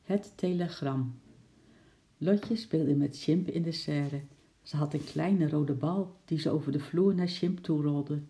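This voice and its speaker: A narrator calmly reading a children's book chapter aloud. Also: medium pitch. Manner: calm, measured storytelling.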